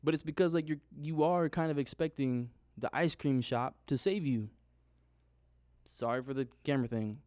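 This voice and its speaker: A young man thinks out loud in a loose, unscripted monologue, circling back on his points and restarting sentences as he goes. His voice sits at an ordinary pitch. The sound is dry and close, recorded on his own microphone in a small room. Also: normal speed, dry recording. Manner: rambling, self-questioning, restarts often. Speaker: trading vlogger.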